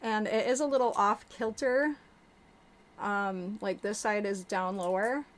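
A woman's voice: medium pitch, a little slow. A woman vlogging casually to camera, speaking with new dentures, candid and chatty with plenty of ums and likes. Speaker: vlogger sharing denture experience.

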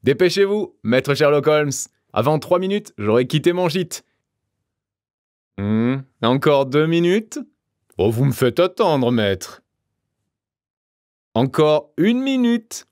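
A man voicing a confident, theatrical gentleman burglar who mocks his rival with exuberant flourishes in an audiobook. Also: on the high side, very animated, slow, pauses often, no room sound, studio quality, pitched above the performer's own voice. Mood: gleeful mocking. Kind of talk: audiobook character voice.

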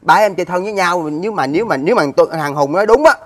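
Jumpy cook, high voice, rattles fast, keeps yelping and stammering. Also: male voice, animated, fairly bright tone. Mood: agitated. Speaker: cook who runs an eatery. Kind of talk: stage comedy sketch.

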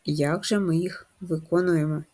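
A woman teaching young children to write, patient and methodical, walking them through each step and pausing to ask questions. Her voice sits fairly low and has a soft, husky edge. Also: steady tone. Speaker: primary school teacher. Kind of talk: first-grade writing lesson.

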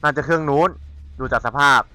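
A man playing a horror game and commenting as he goes, chatty and excitable, teasing the players he hunts. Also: a little high, fast, smooth, no echo. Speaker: gamer. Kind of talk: let's-play commentary.

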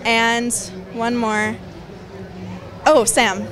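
A woman's voice: a little high, level tone, extremely slow, fairly bright tone, some chatter behind. A young woman answering a street interviewer on a busy night street, giggly and bubbly. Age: young adult. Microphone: handheld microphone.

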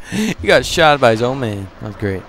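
A man giving casual, profane commentary while playing a video game, joking and talking back to enemies, moving between low mumbles and loud outbursts. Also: sing-song, normal speed, slight background noise. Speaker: gamer doing a walkthrough.

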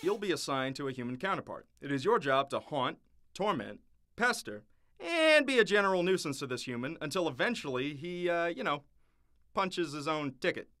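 A man voicing a fast-talking, harried male devil boss in an animated short, wisecracking and full of puns. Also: on the high side, heavily acted. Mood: wry. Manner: wisecracking, punning, exasperated.

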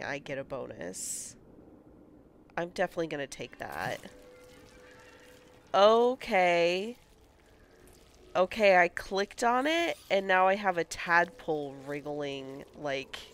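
Deep-voiced yet fairly bright in tone, a gaming channel host with a stuffy cold offers relaxed let's-play commentary, reading menus aloud and musing over the options. Slight background noise is audible.

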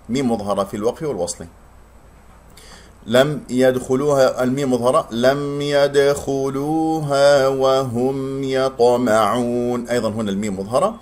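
A man teaching tajweed. He explains pronunciation rules quickly, then recites words slowly and drawn out. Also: on the low side, darkish tone, slightly rough.

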